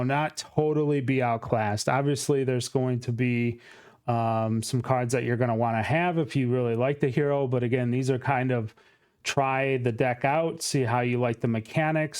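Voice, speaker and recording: A man's voice: medium pitch, darkish tone, clean tone. A man hosting a casual card game talk show, steering the conversation in a friendly way with frequent ums. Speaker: channel host.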